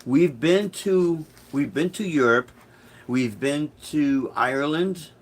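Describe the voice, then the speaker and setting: Taking his time in a voice on the high side, a middle-aged Chicago musician casually hosts a live stream. His responses to viewer comments ramble and stall, with plenty of restarts.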